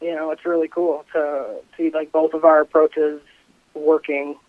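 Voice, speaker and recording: A man's voice: fairly high pitch, level tone, measured pace, no echo. A man in his twenties, a company co-founder, speaking in an interview in a loose, rambling way with many fillers. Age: 20s. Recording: tinny phone line, dry.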